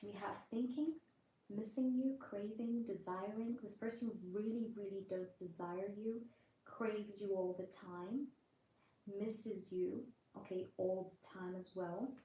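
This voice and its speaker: Mellow-voiced woman doing a live tarot reading. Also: medium pitch, steady tone, unhurried. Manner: relays messages in the first person and repeats phrases; greets chat viewers by name. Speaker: tarot reader. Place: indoors at night with others nearby. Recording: roomy echo, faint background noise.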